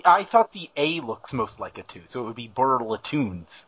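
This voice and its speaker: A man's voice: mid-range voice, big pitch swings, moderate pace, a crowd in the background. A man co-hosting a podcast who reads out questions and plays along with the jokes. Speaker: podcast co-host reading questions. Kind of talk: casual comedic chat. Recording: dull lo-fi audio.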